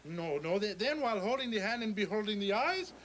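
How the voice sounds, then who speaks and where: Grandiose lovesick flamingo opera singer Placido Flamingo. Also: male voice, high voice, lively intonation, brisk, a bit bright, a little hiss or hum, rough recording. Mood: tender crooning. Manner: florid, theatrical, bursts into operatic crooning. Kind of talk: children's TV puppet comedy.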